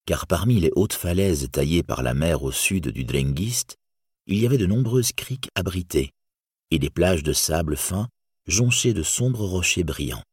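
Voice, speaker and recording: A man reading a fantasy tale aloud in a measured, solemn storytelling voice. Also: low voice, animated, husky, no room sound, clean studio sound. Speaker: narrator.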